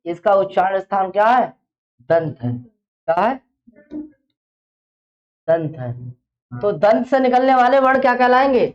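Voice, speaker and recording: A woman's voice: mid-range voice, animated, a little slow, long pauses. Teacher woman drilling a class. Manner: drills with repeated questions, then answers them herself. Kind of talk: classroom exam-prep lesson. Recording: dull lo-fi classroom recording.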